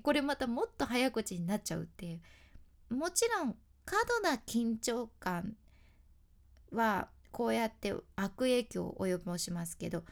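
A woman's voice: on the high side, big pitch swings, a little slow, gravelly. A woman who works as an announcer, giving a chatty, step-by-step lesson on speaking and acting out example phrases. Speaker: announcer teaching speaking skills. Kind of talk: casual instructional talk.

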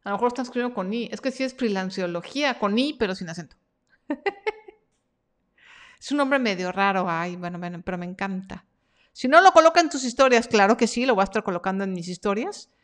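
A woman's voice: mid-range voice, expressive, a little fast, fairly bright tone. A woman hosting a live stream Q&A about her freelance workshop, reading viewer comments aloud in a chatty, encouraging way.

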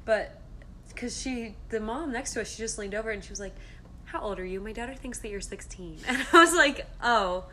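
A woman in her twenties co-hosts a podcast, trading casual banter with friends in a giggly, jokey, self-mocking way. Her voice is a little high and sharp, and she talks fairly quickly.

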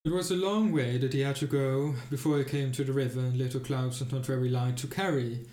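A man narrating a fairy tale in a steady, even storytelling manner. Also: medium pitch, fairly quick. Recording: roomy, echoey room.

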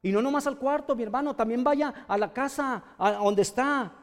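A man's voice: very high voice, moderate pace, big-room sound. A man with a Mexican accent preaching a sermon, scolding and questioning his listeners directly. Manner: addresses listeners directly with pointed rhetorical questions.

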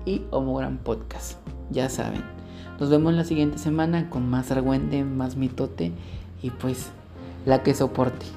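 A man's voice: mid-range voice, fairly even intonation, measured pace, vocal fry, music in the background. A man co-hosting a podcast, reading a listener's story aloud in a frank, chatty and playful way. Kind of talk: casual chat and reading aloud.

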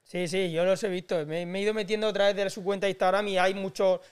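A man co-hosting a casual chat, chiming in with quick agreement. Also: high voice, little pitch movement, clear, resonant tone. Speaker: co-host.

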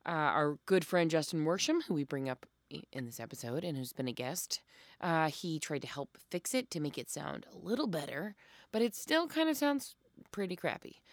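A woman's voice: sits low, big pitch swings, moderate pace, no echo. A woman co-hosting a podcast in a casual, self-deprecating, chatty way. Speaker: podcast co-host.

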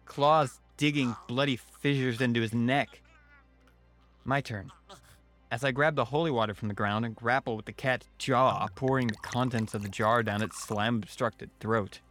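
A man's voice: mid-range voice, steady tone, normal speed, a bit bright, soft background music. A man narrating a scripted first-person horror story in a wry manner.

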